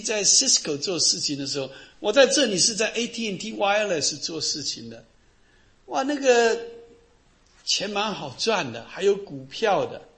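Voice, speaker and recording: A middle-aged man preaching a sermon with a high, bright voice. His pitch swings widely as he tells Bible stories with animation, acting out the people in them. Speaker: pastor.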